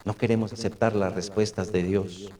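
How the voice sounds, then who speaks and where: A man's voice: low voice, flat delivery, moderate pace, mellow. A middle-aged man, a pastor preaching a sermon to a congregation, often asking rhetorical questions and calling out to his brothers. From Colombia. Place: church hall with about fifty or sixty people. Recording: echoey church hall.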